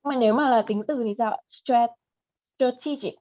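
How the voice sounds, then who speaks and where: Vietnamese lady teaching english sounds online, slow and patient, dull dry call audio. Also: a little high, no echo. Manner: patient, models words slowly and repeats them. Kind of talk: online one-on-one lesson.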